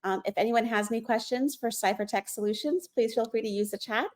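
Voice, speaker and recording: Upbeat woman host on a video call, higher voice, casual and encouraging, moving things along. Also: brisk, darkish tone. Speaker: event host. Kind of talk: casual event moderating.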